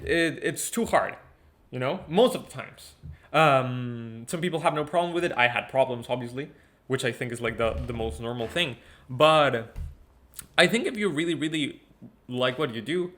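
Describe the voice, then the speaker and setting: Young guy from ecuador, laid-back chatty guest, lots of ums and repeats. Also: mid-range voice. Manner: relaxed, chatty, frequent fillers and repeats. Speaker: guest musician. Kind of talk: casual interview talk.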